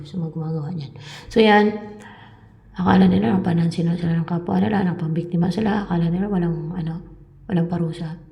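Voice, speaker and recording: A woman with a low, gravelly, mellow voice talks to her viewers about spiritual matters. She meanders and repeats herself, sometimes sinking to a whisper. The room around her is echoey. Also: slight background noise. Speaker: spiritual reader. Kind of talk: casual spiritual talk to viewers.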